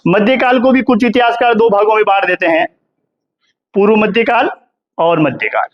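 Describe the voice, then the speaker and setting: A man's voice: high-pitched, expressive, normal speed, lo-fi sound. A middle-aged male history professor from India giving a classroom lecture, who asks the students questions and answers them himself, calling them "beta" and tagging "hai na" onto his sentences. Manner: calls students "beta" and keeps adding "hai na".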